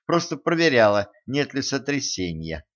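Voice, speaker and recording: A man voicing a practical young woman who asks brisk, fussing questions. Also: mid-range voice, animated, a bit bright. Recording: dull lo-fi recording.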